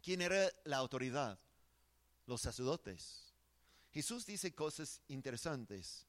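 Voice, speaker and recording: A man's voice: mid-range voice, sing-song, slow pace, fairly bright tone. A man preaching a sermon in an earnest, emphatic way, often restarting his words.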